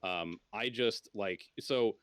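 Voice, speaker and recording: A man's voice: lowish voice, takes it slowly, fairly bright tone, clean tone, no echo, clean studio sound. A man chatting casually and informally as he guides other players through a video game on a stream. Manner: informal, swears freely. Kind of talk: casual gaming chat.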